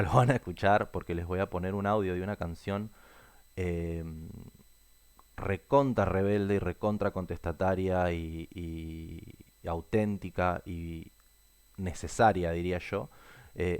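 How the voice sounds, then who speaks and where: A man's voice: low voice, darkish tone. A man hosting a podcast, talking casually and earnestly with many fillers. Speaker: podcast host. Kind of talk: casual spoken commentary.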